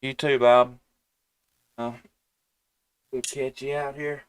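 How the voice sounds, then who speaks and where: A ham radio operator from Tennessee in the United States chats casually on a live stream, folksy and easygoing, using call-sign phrasing. His voice is mid-range and level, he speaks slowly, and there's background noise.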